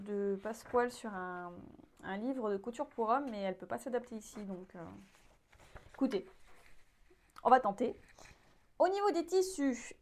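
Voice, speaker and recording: A woman's voice: on the high side, a little mellow. A woman hosting a sewing vlog, talking casually and candidly with frequent hesitations as she gives a critical review. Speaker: sewing channel host.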